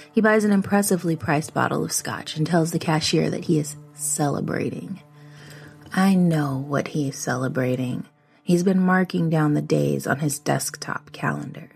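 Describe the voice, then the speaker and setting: Gravelly-voiced woman reading a horror story. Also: low-pitched. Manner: measured, often dropping to a hushed whisper. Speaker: podcast host reading her own story.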